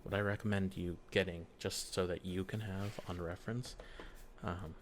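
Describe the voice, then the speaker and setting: A soft-spoken man as a dungeon master in a whispered role-play, explaining gently and patiently with many fillers, speaking quietly at home. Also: deep voice, fairly even intonation, normal speed, slight background noise. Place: quiet home early morning.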